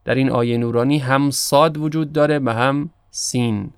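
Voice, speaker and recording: A man, teaching prayer pronunciation in a slow, careful instructional style. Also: mid-range voice, steady tone, clear, resonant tone, no room sound, studio quality. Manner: slow, careful demonstration of Arabic letters. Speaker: Quran recitation teacher.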